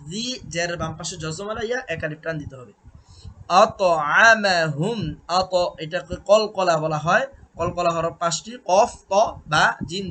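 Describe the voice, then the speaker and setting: A man teaching Quran recitation, drilling syllables with long drawn-out chanting and patiently correcting pronunciation. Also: high voice, fairly bright tone. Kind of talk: slow recitation lesson. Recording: faint background noise and clicks.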